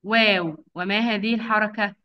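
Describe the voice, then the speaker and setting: A woman teaching young children over a video call, with patient, drawn-out enunciation and frequent praise. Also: medium pitch, fairly even intonation, slight background noise. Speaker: kindergarten teacher. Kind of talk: online phonics lesson for young children. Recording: dull lo-fi video call audio.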